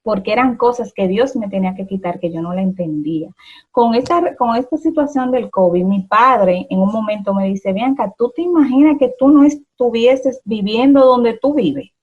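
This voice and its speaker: Woman hosting, chatty and animated, slightly muffled lo-fi sound. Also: a little high, moderate pace, slightly rough. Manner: animated storytelling, acting out her own past words. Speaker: host.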